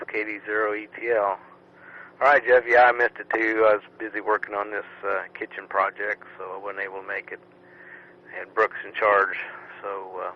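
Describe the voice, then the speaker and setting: A man running an amateur radio net as net control, steady and routine, heard through a radio transmission. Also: fairly low pitch. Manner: steady, routine call-and-response. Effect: amateur radio transmission with static. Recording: muffled radio signal with faint static.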